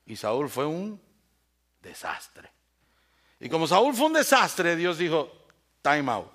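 A man preaching a sermon with a fairly high, very lively voice that rises and falls dramatically. He keeps asking the congregation rhetorical questions and addresses them directly, now and then calling on someone by name. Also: slow. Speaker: pastor.

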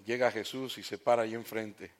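A man preaching a sermon in church, reading a scripture story aloud with joking asides, rising to loud proclamations and dropping to hushed, slow lines. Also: lowish voice, fairly even intonation. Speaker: pastor.

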